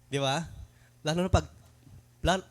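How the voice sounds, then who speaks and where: Young man, fairly high voice, preaching sermon, rhetorical questions, stumbles and restarts, English phrases mixed in. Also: unhurried. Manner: mixes English phrases into his talk.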